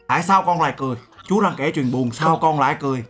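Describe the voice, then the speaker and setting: A man's voice: a little high, fast, a bit bright, breathy edge, soft background music. A man in his twenties from Vietnam, a streamer chatting casually and teasing with mock-serious storytelling. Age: 20s. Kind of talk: casual video-chat banter.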